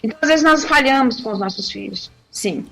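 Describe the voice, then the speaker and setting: Woman, missionary, high voice, animated storyteller, TV studio talk. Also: fairly quick, gravelly. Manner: animated storytelling, acting out quotes, laughing. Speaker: missionary giving family advice on TV.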